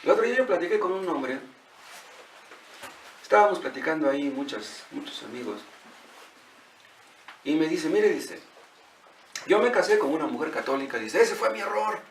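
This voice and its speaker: A man's voice: fairly high pitch, big pitch swings, normal speed, long pauses, reverberant, far from the mic. Male pastor, Mexican accent, conversational sermon, faint room hiss. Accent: Mexican Spanish. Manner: conversational preaching, retells dialogue, rhetorical questions. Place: church.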